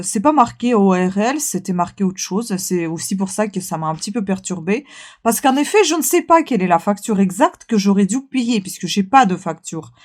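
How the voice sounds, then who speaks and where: A tired woman vlogger chatting casually, rambling with many fillers and restarts. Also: medium pitch. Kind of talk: casual vlog chat.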